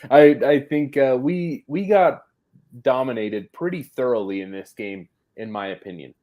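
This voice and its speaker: A man's voice: mid-range voice, moderate pace, a little mellow. A man co-hosting a casual postgame football podcast, talking it over in a thoughtful, hedging way with plenty of fillers. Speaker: sports podcast co-host.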